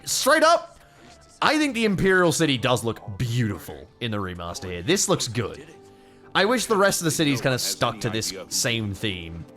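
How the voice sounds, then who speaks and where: A man's voice: mid-range voice, a bit bright. A man giving casual, sweary gameplay commentary as a streamer, rambling through his opinions. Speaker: video game streamer.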